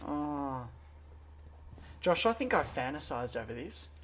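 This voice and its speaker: An effusive host chats casually on a cooking show, gushing and quick to laugh. The voice is mid-pitched and relaxed. A faint hiss sits under the kitchen recording.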